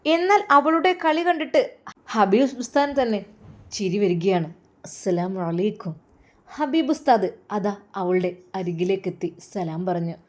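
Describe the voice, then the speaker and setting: A woman's voice: medium pitch, lively intonation, a little slow. A woman narrating a romantic wedding story with feeling and lingering phrasing, speaking with a Malabar Malayalam accent.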